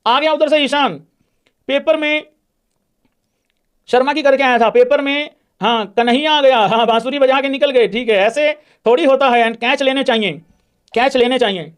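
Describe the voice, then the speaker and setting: A man's voice: extremely high pitch, moderate pace, smooth. A man hosting a cricket livestream, ranting bluntly and mockingly while answering viewers' super chats. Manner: heated, mocking and blunt, addresses viewers as brothers. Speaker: live-stream cricket host reading super chats. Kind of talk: casual live-stream rant and chat replies.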